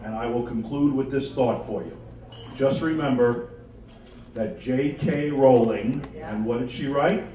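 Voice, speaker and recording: A man giving a lively talk at a publishing seminar, emphatic and folksy as he tells of his books and takes audience questions. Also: mid-range voice, unhurried, slight background noise. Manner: enthusiastic, emphatic, boastful-but-folksy. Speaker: author and seminar speaker. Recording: roomy echo, distant from the mic.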